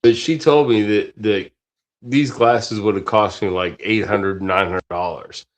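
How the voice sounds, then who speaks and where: A man pushing fifty rambles through a casual podcast chat, swearing freely and tripping over his own restarts. His voice sits fairly low. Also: fairly even intonation, unhurried. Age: 40s. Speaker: podcast host.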